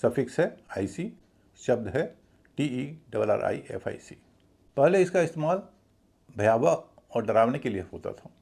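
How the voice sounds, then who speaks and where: A man's voice: mid-range voice, gravelly, darkish tone, slightly rough. A man teaching English pronunciation in a video lesson, explaining the rules methodically and spelling words out letter by letter.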